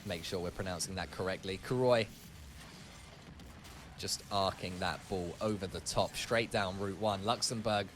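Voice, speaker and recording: A man's voice: deep voice, normal speed, a bit bright, slight background noise. Chatty male esports co-caster. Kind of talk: esports color commentary.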